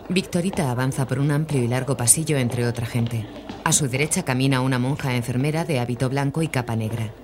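A narrator reading scripted audio description for a film in an even, measured way. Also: mid-range voice, noisy background.

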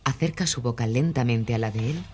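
A narrator reading scripted audio description for a film in an even, measured way. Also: mid-range voice, breathy edge.

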